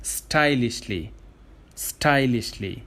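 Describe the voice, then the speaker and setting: A male teacher drilling English words in a steady, middle-pitched voice. He speaks very slowly and deliberately. He repeats every word several times before he explains it. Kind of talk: slow vocabulary drill lesson.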